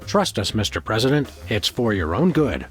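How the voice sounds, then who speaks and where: Wry, animated cartoon dog detective. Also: male voice, on the low side, moderate pace, soft background music. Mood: earnest resolve. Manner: deadpan, earnest, wry. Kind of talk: comic cartoon game acting.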